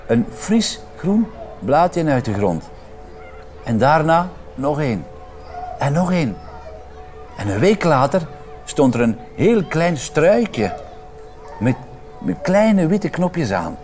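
Lively man reading a children's story. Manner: lively, expressive, voices characters with pitch changes. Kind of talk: children's story read-aloud.

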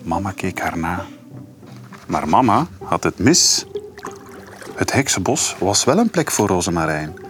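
A man reads a children's story aloud to his daughter. His low voice moves animatedly through the lines, with faint music playing behind him. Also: measured pace, long pauses. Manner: lively, expressive storytelling. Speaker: radio presenter reading to his daughter.

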